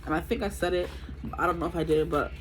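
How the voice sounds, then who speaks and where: Talking fast in a lowish, steady voice, a woman in her twenties delivers a chatty, rambling tarot reading to camera, full of fillers. Allergies leave her nose stuffed up. The recording is rough, with a slight hiss or hum.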